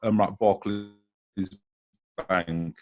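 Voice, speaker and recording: A man's voice: lowish voice, steady tone, extremely slow. A man speaking hesitantly with filler sounds on an online group call whose audio keeps breaking up and cutting out. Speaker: podcast panel guest on a group call. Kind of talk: casual discussion. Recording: dull, lo-fi online call line.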